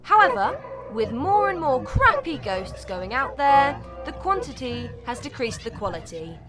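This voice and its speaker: A woman's voice: high voice, big pitch swings, a little slow. Woman playing exasperated Death, underworld boss, over music. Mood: angry, exasperated. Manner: sweary, exasperated, informal. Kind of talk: scripted audio drama acting.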